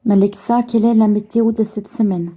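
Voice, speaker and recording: A woman hosting a video, giving a smart speaker brief, deliberate spoken commands. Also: mid-range voice, steady tone, warm tone.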